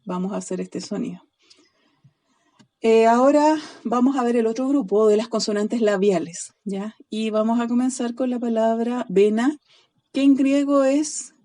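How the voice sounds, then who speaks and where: A Greek teacher leads a recorded online class, patiently spelling out word endings and adding a quick "ya?" after nearly every line. Her voice is a little high, with a dark tone.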